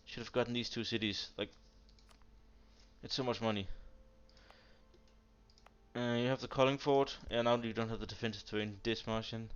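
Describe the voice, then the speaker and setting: A man's voice: mid-range voice, steady tone, moderate pace, pauses often, clean tone. A man giving casual, blunt commentary on a player's strategy game nation, exasperated and full of fillers. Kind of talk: casual commentary over gameplay. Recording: dull lo-fi mic with keyboard typing behind.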